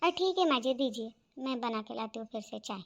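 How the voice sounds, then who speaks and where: A woman's voice: on the high side, lively intonation, a little fast, dull audio, pitched below the performer's own voice. A woman voicing a patient but cheeky young daughter-in-law in a cartoon, polite with teasing replies. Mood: pleading. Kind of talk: cartoon voice acting.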